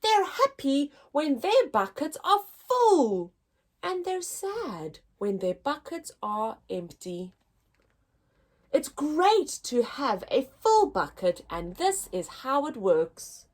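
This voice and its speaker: Young listeners hear a picture book read aloud by a story time host with a high voice. She reads in an expressive, deliberate manner, much like a teacher would.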